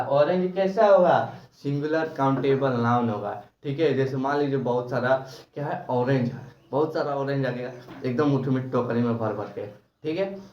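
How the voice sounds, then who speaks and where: A man's voice: medium pitch, darkish tone, recorded from a distance. Man, teacher, repeats every question, echoey room, mic set back, dull lo-fi sound. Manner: repeats questions and answers them himself, drilling. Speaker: English grammar teacher. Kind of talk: classroom lecture.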